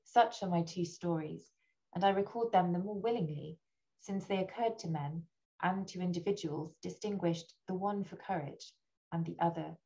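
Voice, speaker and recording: A woman, a literary scholar, reading a gothic essay aloud in a steady, deliberate way with an occasional slip and restart. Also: lowish voice, lo-fi sound.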